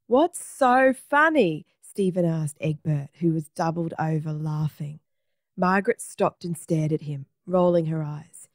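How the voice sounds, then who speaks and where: Lady reading a kids story aloud, lower voice, lively. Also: measured pace, dry recording, studio quality. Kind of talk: children's story narration.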